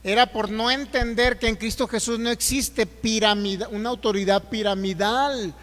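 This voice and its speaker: A Mexican man preaching in a church hall, his voice sitting unusually high for a man. He slows down and gets louder whenever he reads scripture, then drives the point home with rhetorical questions to the congregation. A long reverb trails behind every phrase. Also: fairly even intonation. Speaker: pastor. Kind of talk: sermon.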